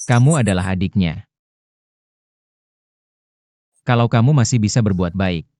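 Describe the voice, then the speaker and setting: A man's voice: on the low side, mellow, no echo, studio quality. A stern, cold young man. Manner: cold, firm, lecturing. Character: stern young man confronting his partner's sister. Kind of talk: Indonesian dub of a TV drama.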